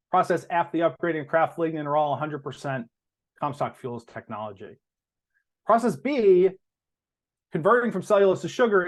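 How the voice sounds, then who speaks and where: In the role of an executive briefing investors, this man uses a somewhat high voice that rises and falls with great animation. He lays things out deliberately, pressing on key words.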